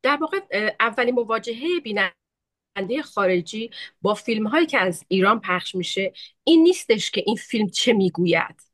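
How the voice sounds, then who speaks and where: A woman panelist speaking over a video call, talking in short measured segments and pausing for interpretation. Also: medium pitch, lively intonation, fairly bright tone. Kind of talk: webinar talk in short segments.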